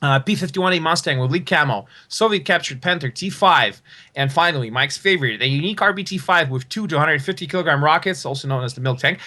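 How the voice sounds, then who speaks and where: Male esports host, bright, slightly high voice, upbeat hype-man delivery. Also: fast talker. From half American, half Russian. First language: Russian. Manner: upbeat, promotional, repeats phrases. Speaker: tournament commentator and host. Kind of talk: live esports commentary.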